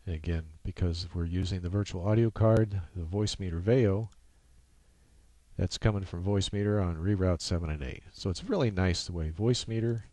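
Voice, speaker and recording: A deep, mellow-voiced man talks viewers through a laid-back screencast, pausing and stumbling a bit as he covers each practical step. Miked closely and dry, the recording carries no echo and almost no sense of the room.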